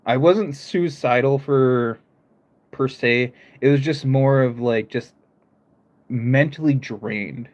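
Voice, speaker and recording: This live streamer is a young man from the United States whose accent blends northern and southern American sounds, and his voice sits at an ordinary male pitch. He chats casually with viewers, rambling and repeatedly halting to begin his sentences again.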